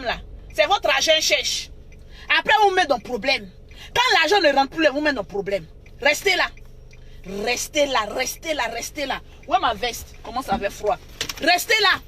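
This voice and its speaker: A woman's voice: sits high, a bit bright. A woman hosting an unscripted live stream on her phone, scolding and mocking her viewers and repeating herself for emphasis.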